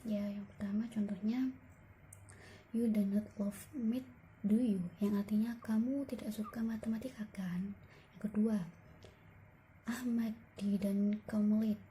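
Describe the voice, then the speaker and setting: A woman giving a slow, halting student presentation with many fillers. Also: mid-range voice, dark tone, a little hiss or hum.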